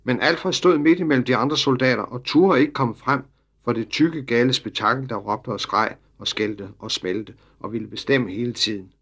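A man reading a children's story aloud as narrator, in lively storytelling that drops low for the speech tags. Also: husky, highs cut off. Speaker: audiobook narrator.

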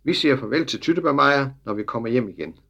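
A man's voice: mid-range voice, animated, vocal fry, bright, forceful tone, dull audio, full character voice. A man voicing a cheeky, stubborn little farm boy in a storybook reading, with an eager, raised delivery.

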